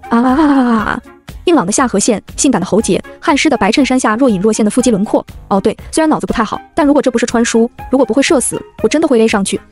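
A woman narrates a comic web-novel story in the first person, with snark and quick jokes. Her voice sits a little high and races along at a very fast clip. Soft music runs quietly under the reading.

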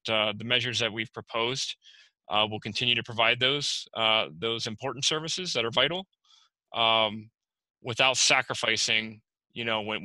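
A man, the borough manager, reporting at a virtual council meeting, halting with many fillers and restarts. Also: lowish voice, pushed and bright, no room sound, low-quality recording. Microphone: video call.

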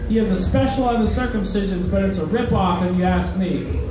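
A man's voice: sits high, brisk, background noise. A young man doing a stand-up set in a comedy club, self-deprecating and hesitant, with lots of uhs. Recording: echoey club, mic heard from far off. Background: crowd laughter and heckles.

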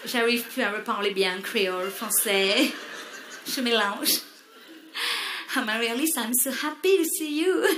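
A woman's voice: a little high, measured pace, long pauses, echoey room, noisy background, close to an everyday voice. A woman voicing a pretentious middle-aged Creole mother from Réunion who gushes and drops English words into her French, with a Réunion Creole accent. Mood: gushing. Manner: affected, gushing, sprinkles English words. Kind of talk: stand-up character sketch.

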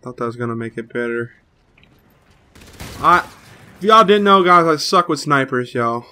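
A slightly hoarse young man giving excitable, trash-talking live commentary over his own gameplay as a gaming channel host. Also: mid-range voice, normal speed. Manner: excitable trash talk, cursing. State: slightly hoarse, a little sick.

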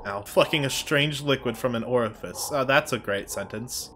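A man streaming a game, joking, swearing and reacting loudly with laughs and yelps. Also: mid-range voice, normal speed, very noisy. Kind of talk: casual gameplay commentary. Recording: game music behind the voice.

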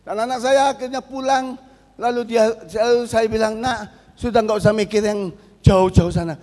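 A middle-aged male pastor with an East Javanese Indonesian accent, preaching a sermon as a story and rising to shouts. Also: high voice. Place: large church hall. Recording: long hall reverb.

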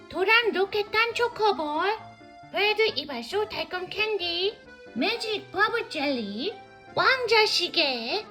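A woman's voice: very high voice, pushed and bright. A woman hosting a children's toy show, addressing kids in an exaggerated sing-song way. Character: cute childlike cartoon-cat host persona for kids. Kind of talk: kids' toy show presentation, bright exclamations. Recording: music behind the voice. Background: music.

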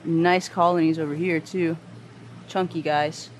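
A woman's voice: sits low, little pitch movement, unhurried, a little hiss or hum. A woman vlogging a store tour, chatting casually with slangy, enthusiastic exclamations. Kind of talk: casual vlog chat with slangy reactions. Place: indoor aquarium store room full of tanks. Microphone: handheld camera mic, close to the speaker.

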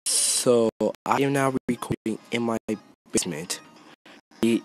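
A gaming video host giving casual, excitable gameplay commentary in stop-start phrases, recorded indoors on a phone. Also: medium pitch, unhurried, rough recording. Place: indoors, basement.

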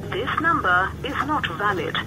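A woman's voice: medium pitch, expressive, moderate pace. A woman's recorded phone message, played through a watch speaker, giving formal automated announcements. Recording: faint phone speaker from off-mic, noisy.

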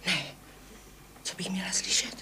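A woman's voice: high voice, animated, slight background noise. An actress playing an anxious mother who pleads and panics in a 1980s TV comedy. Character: anxious middle-aged mother, easily panicked. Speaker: worried mother.

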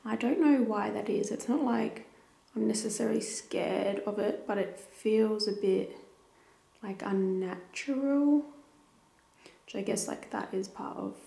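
A young woman talking casually and softly to camera in an unhurried, chatty way during a ghost investigation, in a small indoor room. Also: mid-range voice, gravelly. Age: young adult. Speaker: paranormal investigator. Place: small bedroom indoors at night. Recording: echoey room.

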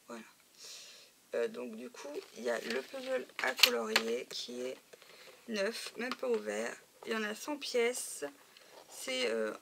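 Packets crinkle in the background of this noisy clip as a woman with a gravelly, fairly high voice casually shows off craft supplies at home in her craft room. She's chatty, constantly slipping in "euh" and "voilà" to fill the gaps.

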